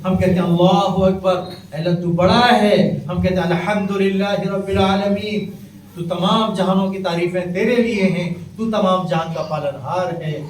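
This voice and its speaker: A man preaching an impassioned sermon, chanting Arabic verses slowly between plain exhortation. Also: high voice, steady tone. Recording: echoey, distant, faint hiss.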